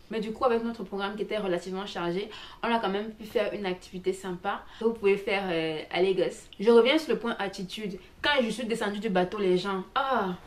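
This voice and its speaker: A woman vlogger talks to her viewers in a casual, chatty way. Her voice sits at a middle pitch and she keeps an animated, personal tone. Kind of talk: casual travel vlog.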